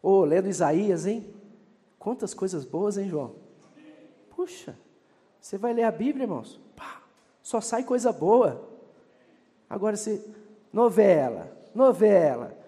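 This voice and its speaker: Brazilian preacher guy, high lively voice, swoops all over, fired up, church hall reverb. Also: a little slow, long pauses. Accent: Brazilian Portuguese. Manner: fervent, calls out to the congregation. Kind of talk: sermon with Bible reading.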